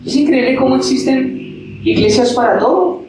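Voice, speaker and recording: A man preaches to his congregation, firing rhetorical questions and acting out quotes. His voice sits at a middle pitch. It bounces around a very echoey hall and is picked up from far off, with a faint hiss underneath. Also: moderate pace. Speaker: pastor. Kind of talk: sermon.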